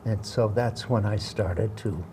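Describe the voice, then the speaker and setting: Older actor telling a rambling anecdote. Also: male voice, fairly low pitch, steady tone, a little slow, dark tone, a little hiss or hum. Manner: hesitant, rambling with fillers and restarts. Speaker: interview guest, veteran actor. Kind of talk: anecdotal interview storytelling.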